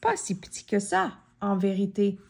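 A woman reading a children's storybook aloud in an expressive way, often asking questions of the child listening. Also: mid-range voice, moderate pace, vocal fry, slight background noise.

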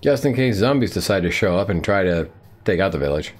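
Man, gaming streamer, lively up-and-down delivery, low voice, faint music underneath. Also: brisk. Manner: talks to the game animals, playful. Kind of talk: live gameplay commentary.

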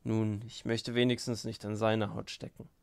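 A spiteful young man with a sneer in every word, read by a male narrator with a gravelly voice. a measured audiobook delivery. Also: on the low side, little pitch movement, no room sound.

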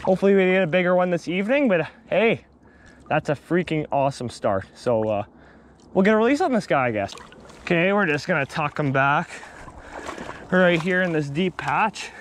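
A young man filming himself fishing on a river shore, chatting excitedly on an action camera with lots of fillers and restarts. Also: on the high side, moderate pace, slight background noise. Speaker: fishing vlogger. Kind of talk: casual on-the-spot fishing commentary. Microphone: action camera on body.

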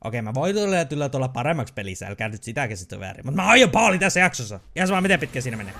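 A man's voice: mid-range voice, sing-song, bright, forceful tone. A man giving frustrated live commentary over his own gameplay, swearing often and yelping at tense moments. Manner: frustrated, swearing, mixing English exclamations. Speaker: gaming video creator. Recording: game music behind the voice.

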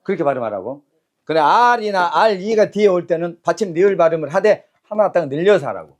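A man teaching an English lesson in a classroom lecture style, brisk and commanding, calling out cues and having phrases repeated back. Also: high-pitched, animated.

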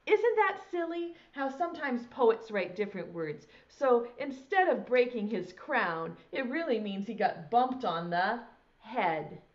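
Slow, singsong woman teaching small children. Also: fairly high pitch, animated, dull audio. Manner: broad, singsong, theatrical delivery for small children. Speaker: preschool teacher hosting a children's circle time. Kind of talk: children's lesson with nursery rhymes. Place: small indoor classroom set. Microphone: lapel mic.

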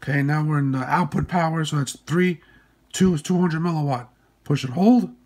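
A man with a hoarse, stuffy-nosed voice after surgery, giving informal step-by-step instructions in short, plain phrases. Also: a little high, normal speed, darkish tone. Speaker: tutorial presenter. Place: indoors at a workbench.

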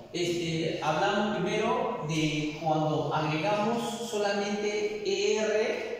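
A man's voice: sits high, a little hiss or hum. A man teaching English in a classroom, patiently explaining and checking understanding with frequent tag questions. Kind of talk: classroom lesson. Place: echoey classroom. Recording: very echoey hall, voice from far off.

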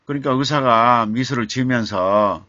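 A man hosting a live-streamed literature talk, telling a story in an unhurried way with many fillers and rhetorical questions. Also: medium pitch, pushed and bright, no echo. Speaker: literature talk show host. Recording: dull lo-fi streaming mic.

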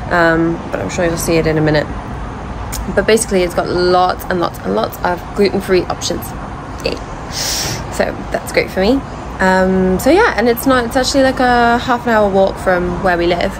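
A woman's voice: mid-range voice, background noise. A young woman in her twenties chatting upbeat to her phone camera, with lots of fillers. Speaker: vlogger. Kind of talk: casual vlog to camera. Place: outdoors on a rooftop and streets, then inside a cafe. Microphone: phone camera at arm's length.

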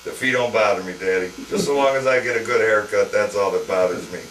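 A man's voice: lowish voice, fast talker. A middle-aged man chatting casually and joking in a small barbershop, recorded from across the room. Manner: joking, laughs often. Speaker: barbershop customer and interviewer. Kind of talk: casual chat. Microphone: fixed camera mic across the room. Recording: echoey room from far off, loud hiss.

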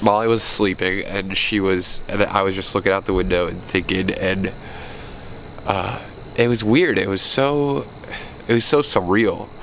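A twenty-something vlogger with a congested nose talks casually to a handheld camera held at arm's length, outdoors at night among crickets. Earnest and reflective, he rambles and restarts. He speaks at a measured pace in a low-pitched, slightly bright voice, with a little hiss or hum on the audio.

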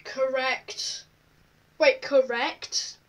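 A woman's voice: high-pitched, fairly even intonation, extremely slow, far from the mic, poor audio. A woman vlogging casually at home, reading quiz questions aloud and answering them offhand. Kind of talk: casual chat while taking an online quiz.

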